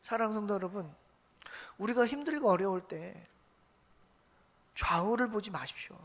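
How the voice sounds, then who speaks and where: A woman's voice: mid-range voice, lively intonation, normal speed. A woman pastor preaching a Sunday sermon in a church, putting questions to the congregation and answering them herself, and acting out the voices of the people in the story. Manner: acts out quoted voices of biblical figures. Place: church sanctuary.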